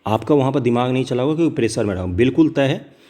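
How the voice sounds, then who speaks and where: A man's voice: mid-range voice, expressive, racing, warm tone. A man teaching exam preparation, talking viewers through a test paper in a direct, earnest way. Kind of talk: casual exam paper discussion.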